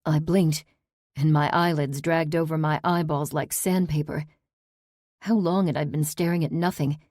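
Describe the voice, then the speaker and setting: A woman's voice: deep voice, fairly even intonation, normal speed, a little mellow, no echo, clean studio sound. A woman reading a first-person audiobook in a tense, clipped narration.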